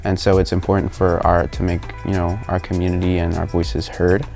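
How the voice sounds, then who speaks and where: Very deep, gravelly young man. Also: completely flat delivery, brisk, a little mellow, soft background music. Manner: casual, with fillers and hesitations. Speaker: community leader. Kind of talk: interview-style testimonial.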